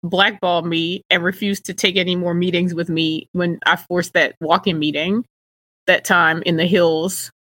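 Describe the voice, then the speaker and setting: A woman's voice: lowish voice, level tone, normal speed, a bit bright. A woman co-hosting a casual podcast chat, rambling a little and restarting her sentences as she thinks aloud. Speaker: co-host, physician.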